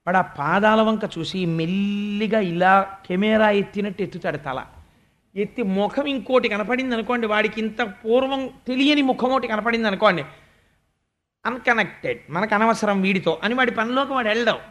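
A man giving a devotional discourse, telling stories with animation and reciting verses slowly. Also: high voice, fairly bright tone. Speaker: spiritual discourse speaker.

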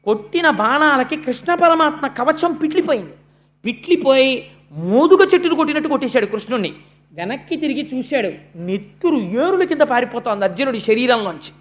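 A storyteller giving a devotional discourse on an epic. The telling is dramatic, rising loud and then dropping to a hush. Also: high-pitched, sing-song, a little fast. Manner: dramatic, swings between loud and hushed. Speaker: religious storyteller.

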